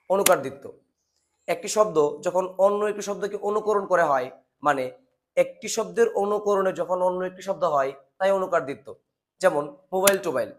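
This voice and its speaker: High-voiced man teaching grammar. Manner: asks rhetorical questions and answers them. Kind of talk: scripted grammar lesson.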